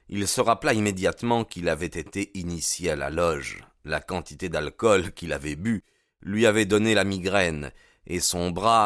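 A male audiobook narrator with a very low voice. He tells the story in a measured, grave manner, recorded close and dry with no room sound. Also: fairly bright tone, dry recording. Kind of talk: scripted narration.

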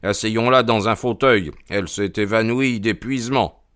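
A man's voice: lowish voice, moderate pace, fairly bright tone, dry recording, clean studio sound, close to an everyday voice. A man voicing a cool, commanding detective in an audiobook, speaking in a clipped, authoritative way. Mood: cold. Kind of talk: audiobook character reading.

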